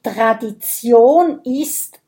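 A woman's voice: on the high side, drawn-out words, mellow, pitched above the performer's own voice. A woman voicing an anxious, clever young female character in a children's audiobook. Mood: fretful. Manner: fretful, explaining.

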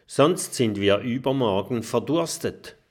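A man's voice: medium pitch, expressive, measured pace. A man voicing a small, earnest and encouraging young male dragon in a children's storybook.

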